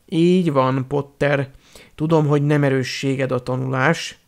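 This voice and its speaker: Man doing a cold sneering potions teacher, hushed, slow, menacing, gravelly, audiobook. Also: mid-range voice, steady tone, natural voice. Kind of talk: audiobook character reading.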